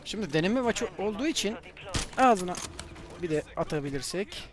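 A man commenting on his own shooter game as he plays, excitable, swearing and yelling at enemies. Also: high-pitched, moderate pace, music in the background. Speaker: gamer playing a shooter. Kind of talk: live gameplay commentary. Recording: game gunfire under the voice. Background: gunfire and explosions from the game.

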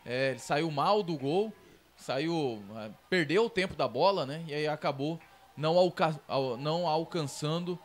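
A man with a Brazilian accent giving live football analysis as a match reporter, repeating words haltingly as he explains. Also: fairly high pitch.

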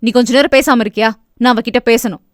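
Woman putting on a lowered, gruff angry man. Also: fast talker, dry recording, clean studio sound, natural voice. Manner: gruff, shouting. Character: angry grieving husband, adult man.

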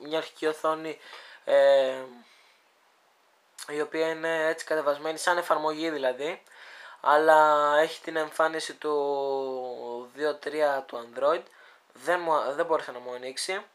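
A speaker with a smooth, clear voice walks viewers through a phone app at a middle pitch. The delivery is halting, full of pauses and restarts while thinking aloud, and addresses the audience like friends. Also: fairly even intonation. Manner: hesitant, thinking aloud, many fillers. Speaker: video creator demonstrating a phone app. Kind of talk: casual screen demo walkthrough.

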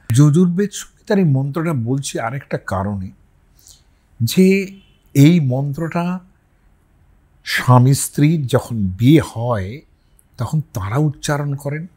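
Older male scholar, unhurried delivery, chants verses and explains them. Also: medium pitch, darkish tone, husky. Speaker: scholar lecturing on scripture. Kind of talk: slow explanatory talk.

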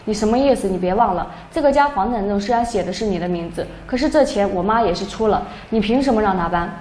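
A woman's voice: medium pitch, quick pace, darkish tone, slight background noise, close to an everyday voice. A woman voicing an angry, domineering young husband who scolds his wife, read in an echoey room. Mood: irritated. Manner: scolding, dismissive.

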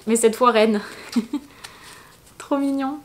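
A woman's voice: fairly high pitch, steady tone, slow. A young woman from France, chatting casually and enthusiastically as she unboxes beauty products for her vlog. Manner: chatty and enthusiastic, many fillers and little exclamations. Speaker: beauty vlogger.

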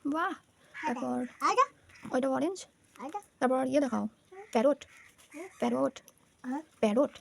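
A woman's voice: high voice, normal speed, vocal fry, long pauses, a little mellow, a little hiss or hum. A young woman in a home vlog, coaxing a small child and repeating words for them. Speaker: mother and vlogger. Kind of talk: home vlog, coaching a toddler.

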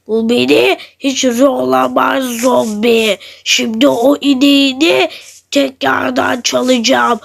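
A high-voiced player dropping their pitch to voice a sneaky male thief who steals animals in a block-building game role-play, gloating and making threats. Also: gravelly, heavily acted.

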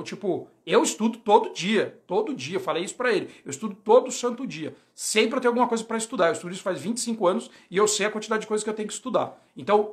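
Fast-talking man on a livestream. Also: high voice. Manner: rapid, animated, rambling, slangy. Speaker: UX designer hosting a livestream. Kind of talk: casual livestream monologue. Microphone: phone.

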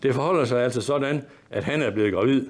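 Male reader doing awkward young man, hesitant, halting. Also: mid-range voice, close to an everyday voice.

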